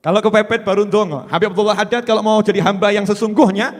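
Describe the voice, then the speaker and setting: A man's voice: high voice, steady tone, quick pace. A man preaching a sermon with a light lilt, chanting Arabic verses between plain talk. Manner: chants and sings Arabic verses, acts out pleading voices. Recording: long hall reverb.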